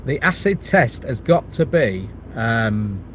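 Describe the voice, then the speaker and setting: Despite a cold and chest infection, a middle-aged property channel host chats casually on a livestream, reading viewer comments. His mid-range voice is very animated yet slow, and he rambles with frequent restarts and fillers. A little hiss or hum is audible.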